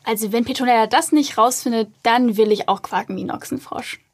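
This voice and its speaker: A woman host thanking her guest and signing off in a quick, cheerful way. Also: fairly high pitch, slight background noise. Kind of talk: casual chat.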